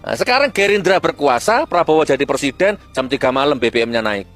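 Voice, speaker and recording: A man delivering a scornful, fiery rant with sudden high-pitched outbursts. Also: expressive, brisk, a bit bright, faint music behind. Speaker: preacher-style political commentator. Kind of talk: ranting monologue.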